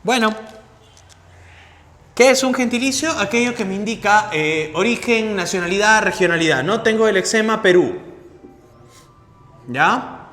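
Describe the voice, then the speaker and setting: Echoey high-voiced teacher. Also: male voice, expressive, unhurried, long pauses, fairly bright tone, faint music behind. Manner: repeats key phrases and checks in with "¿ya?" and "¿no?". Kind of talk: classroom lecture. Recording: echoey room with long reverb.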